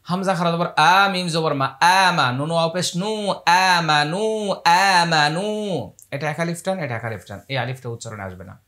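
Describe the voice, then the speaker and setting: A man teaching Quran recitation, chanting verses slowly and spelling out the rules between them. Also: on the high side, lively intonation, pushed and bright. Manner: slow drawn-out chanting of Arabic verses, then brisk spelled-out explanation.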